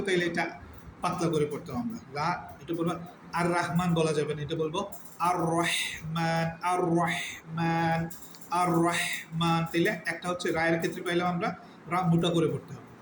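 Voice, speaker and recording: Male Quran teacher, slightly high voice, patient step-by-step explainer who draws out recited words; echoey room with steady background hiss. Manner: explains step by step, repeating terms and drawing out recited words slowly. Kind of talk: religious lesson on word meanings and recitation rules.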